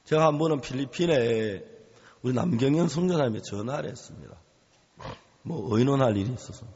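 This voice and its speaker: A man's voice: mid-range voice, lively intonation, brisk, darkish tone, slightly rough. A male pastor preaching a sermon, telling a story with animation and acting out the voices of the people in it. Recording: reverberant hall, dull lo-fi sound.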